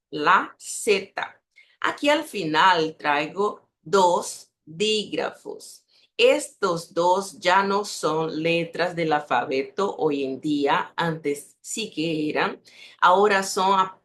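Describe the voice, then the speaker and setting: Woman, Spanish teacher; unhurried, lower voice, patient word-by-word drilling. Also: a bit bright, a little hiss or hum. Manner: slow, repeats each example word; contrasts Spanish with Portuguese sounds. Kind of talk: pronunciation lesson.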